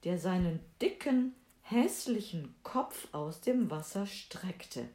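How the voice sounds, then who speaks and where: Woman storyteller, fairy tale reading, slow, lively melodic voice, roomy echo. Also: on the low side. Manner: expressive, measured.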